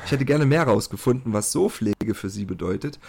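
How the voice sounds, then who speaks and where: A man's voice: fairly low pitch, lively intonation, brisk, gravelly, a little mellow, a little hiss or hum. A man casually telling a personal story on a podcast, chatty and colloquial. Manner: chatty, colloquial, often says "halt" and "so".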